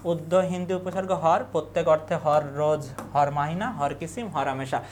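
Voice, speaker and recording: A young adult tutor gives an exam revision lesson. The tutor asks quiz questions and answers them in quick lists. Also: medium pitch, slight background noise.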